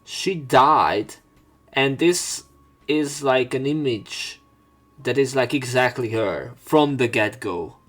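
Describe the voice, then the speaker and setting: A man plays through a visual novel, reading the narration aloud and tossing in his own casual remarks, swearing as he reacts. This let's player has a medium-pitched, animated, slightly bright voice and takes things slowly.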